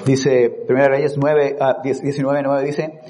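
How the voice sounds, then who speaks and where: A man preaching a sermon in an expressive way, moving from quiet, reflective stretches to loud, dramatic moments, and slipping in English words. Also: mid-range voice, unhurried. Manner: drops in English words, asks congregation for a word.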